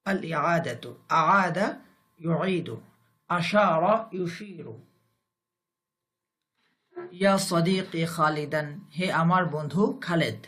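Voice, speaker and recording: Male teacher with a Bangladeshi Bengali accent, high voice, slow and deliberate, repeats phrases and then translates them. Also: sharp tone. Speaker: Arabic grammar teacher. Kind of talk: recorded grammar lesson.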